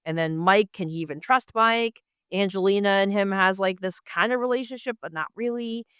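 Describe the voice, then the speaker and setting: Female co-host, smooth clear voice, animated chatty delivery. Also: mid-range voice, moderate pace, no room sound, studio quality. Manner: animated, acts out quoted lines. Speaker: podcast co-host. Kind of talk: casual recap chat.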